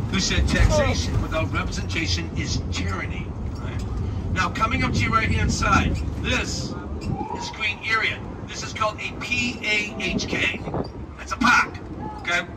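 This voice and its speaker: Tour guide, high-pitched man, noisy recording. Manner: showman-like, quizzing the listeners with short check questions. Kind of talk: joking live tour commentary. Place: moving tour vehicle in city streets. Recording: distant mic, loud traffic and vehicle noise. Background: loud engine and street traffic noise.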